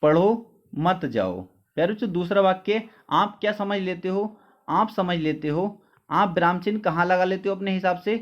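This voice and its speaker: A male teacher giving an exam-prep lesson. He asks questions and answers them himself, often checking whether it is clear, and drops his voice for each answer. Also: high-pitched, steady tone, fairly quick. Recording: dull lo-fi sound.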